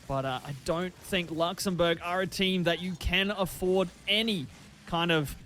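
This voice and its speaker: High-voiced male esports caster. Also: a little slow, sharp tone, a little hiss or hum. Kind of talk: esports play-by-play commentary.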